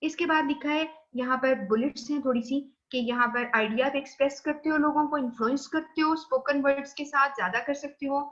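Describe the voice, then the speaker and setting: A woman's voice: high-pitched, a little fast, few pauses, a bit bright, dull audio. A woman with a Pakistani accent giving a recorded online lecture. She explains slide points, mixes in English terms, and checks in with her students.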